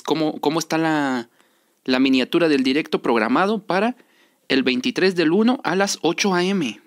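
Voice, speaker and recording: A young man with a Mexican accent giving casual, rambling game commentary in slangy, informal speech, repeating himself for emphasis. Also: a little high. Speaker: gaming video creator. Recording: music under the voice.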